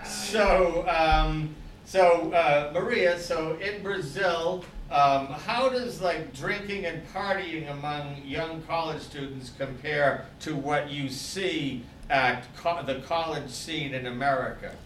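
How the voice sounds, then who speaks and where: A man's voice: a little high, takes it slowly, a bit bright, reverberant, distant mic, a little hiss or hum, low-quality recording. A man co-hosting a casual chat show, joking and using many fillers. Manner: chatty, jokey, many fillers. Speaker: podcast co-host.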